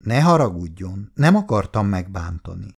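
A man's voice: sits low, sing-song, vocal fry, slightly rough, pitched below the performer's own voice, heavily acted. A man reading aloud and voicing a shy, polite young man. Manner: polite, hesitant.

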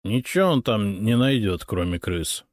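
A man's voice: fairly low pitch, animated, normal speed, no room sound, clean studio sound, close to an everyday voice. A man voicing a sly, boastful male drunkard who stammers and wheedles. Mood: wheedling.

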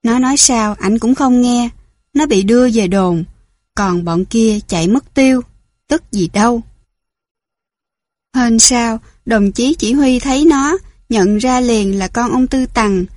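A woman reading a story aloud in a gentle, clear manner. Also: fairly high pitch, measured pace, no echo, studio quality. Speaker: narrator.

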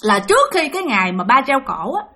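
A woman's voice: sits high, fast. A woman telling a spiritual story, speaking directly to her listeners. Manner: talks to listeners directly, animated.

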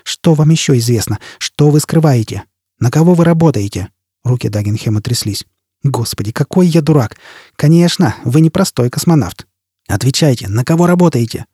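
A man's voice: mid-range voice, animated, normal speed, warm tone, breathy edge, no room sound. A male reader voicing a dry, probing male security chief in an audiobook. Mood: agitated. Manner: dry, probing, then agitated. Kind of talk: audiobook character reading.

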